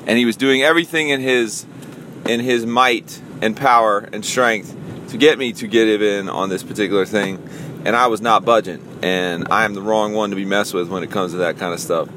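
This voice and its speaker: A man's voice: lowish voice, fairly even intonation, normal speed, pushed and bright, slight background noise. A man in his forties, a podcast host and youth pastor, telling a story in a casual, self-amused solo monologue. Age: 40s.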